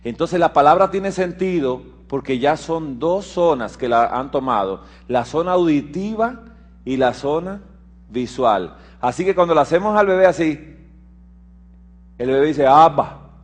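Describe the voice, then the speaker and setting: A man's voice: animated, a little slow. Man preaching a lecture-style sermon. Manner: explanatory, asks listeners if they follow; shifts between emphatic raised passages and low quiet asides. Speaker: preacher and physician. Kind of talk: sermon mixed with a medical lecture.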